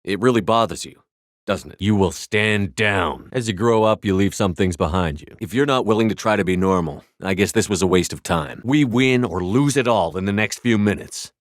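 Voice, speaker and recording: A man's voice: lowish voice, normal speed, no room sound, lightly acted. A man voicing a tough, commanding military starship commander in a video game, with a terse, authoritative, dry delivery. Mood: firm, measured.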